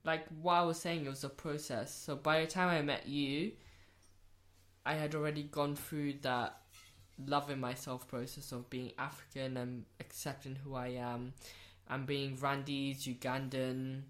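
Her bass voice is flat and a little slow as she chats on her friend's podcast. She's a young woman born in Rwanda and brought up in South London, speaking candidly, swearing freely and repeating phrases to stress them.

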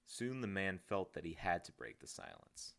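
A man reading his own audiobook aloud in a steady, measured way. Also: low-pitched, creaky. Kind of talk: audiobook narration.

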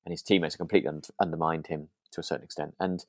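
Racing along in a very deep voice with fairly even intonation, a man co-hosts a podcast and casually discusses a radio drama. He sounds hesitant, repeating himself and circling back while thinking. There's no room sound, just clean studio audio.

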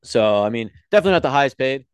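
A young man co-hosting a casual podcast chat, telling animated stories and swearing freely. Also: mid-range voice, racing, smooth, no room sound. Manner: animated storyteller, swears freely, acts out quotes. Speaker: podcast co-host.

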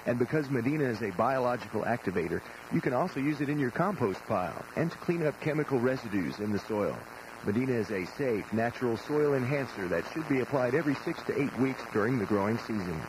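An American man reading a scripted gardening advertisement in a measured, explanatory radio announcer manner. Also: medium pitch, expressive. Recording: noisy radio broadcast recording.

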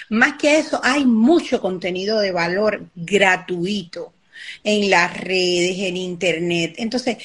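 Woman guest coach, emphatic and repetitive, a touch high-pitched, online live call. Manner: emphatic, repeats key phrases. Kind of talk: advice-giving conversation.

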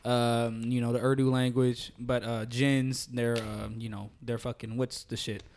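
A man's voice: mid-range voice, level tone, unhurried, darkish tone, a little hiss or hum. A young man chatting casually with friends in a frat-bro manner, slangy and full of swearing. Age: young adult. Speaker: podcast co-host. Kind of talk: casual chat among friends.

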